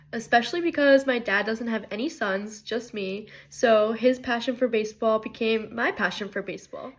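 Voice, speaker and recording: A bubbly, energetic woman of twenty-one introducing herself for a job, her voice a little stuffy from a cold. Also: on the high side. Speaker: job applicant. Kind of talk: upbeat self-introduction video.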